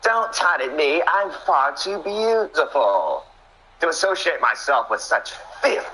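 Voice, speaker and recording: A man's voice: on the high side, big pitch swings, measured pace, pushed and bright, a little hiss or hum, pitched above the performer's own voice, heavily acted, poor audio. A man voicing a vain, arrogant male wrestler who taunts his opponent with haughty contempt. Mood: sneering.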